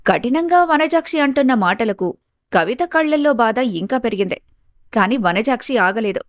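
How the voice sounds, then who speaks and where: A woman storyteller reading a scripted family story in a steady, even way. Her voice sits fairly high, and the recording is close and bone-dry. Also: normal speed, dry recording.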